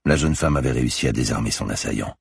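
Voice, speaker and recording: Very deep, gravelly male narrator. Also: no echo, studio quality. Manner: tense, measured storytelling. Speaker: audiobook narrator. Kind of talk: scripted thriller narration.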